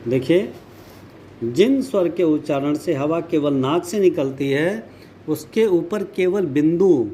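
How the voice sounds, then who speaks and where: A male teacher talks through a grammar lesson at an unhurried pace, repeating each example so students can follow. His voice sits a little high for a man but sounds mellow and soft-edged. A faint hiss runs under the recording. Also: expressive. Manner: slow, explanatory, repeats words and examples for students. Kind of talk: classroom lesson.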